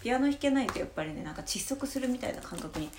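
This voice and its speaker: A woman's voice: on the high side, lively intonation, rapid-fire, reverberant, background noise. A woman hosting her own podcast from her room, chatting casually and rambling reflectively with lots of fillers, sleepy at the start. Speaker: podcast host. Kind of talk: casual solo podcast talk.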